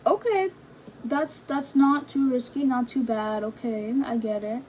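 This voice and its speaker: Reading confession posts aloud and reacting to them, this young female vlogger talks in an unhurried, fairly high, slightly mellow voice with fairly even intonation. Her casual chatter is heavy with fillers, restarts, and reading stumbles, and the poor audio carries some hiss or hum.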